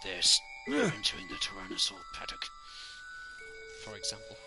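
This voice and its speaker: A man chats casually as he streams a game. His delivery is halting and anecdotal, and loud game music plays behind his voice. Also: lowish voice, wildly swooping pitch. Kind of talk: casual playthrough commentary.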